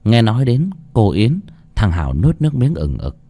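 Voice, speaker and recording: A man narrating a horror story in a dramatic, expressive way. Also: lowish voice, normal speed.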